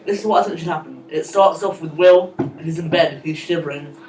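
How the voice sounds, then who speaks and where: A man's voice: on the high side, brisk, a little mellow, slight background noise. A young British man in his late teens in a student meeting, speaking hesitantly with ums and restarts. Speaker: student in a group planning meeting. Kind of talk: casual group discussion. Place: school classroom. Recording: distant, echoey classroom recording.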